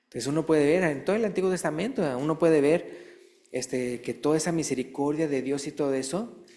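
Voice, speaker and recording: In a church sermon, a man explains quietly, then shifts to reading scripture in a high, drawn-out, emphatic voice, frequently putting questions to his listeners.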